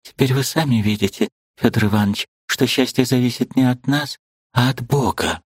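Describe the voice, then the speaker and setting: A man reading an audiobook and voicing a sad, restrained young woman who speaks quietly, firmly and pleadingly. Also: medium pitch, normal speed, slightly rough, no room sound, clean studio sound, voice pushed up, natural voice.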